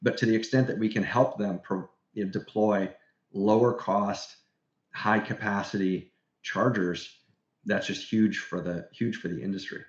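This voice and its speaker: A man with a low voice talks enthusiastically as an industry guest on a casual podcast. The sound is roomy and a little dull, as if it were recorded in an untreated room on a modest mic. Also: fairly even intonation, a little slow. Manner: enthusiastic, explanatory.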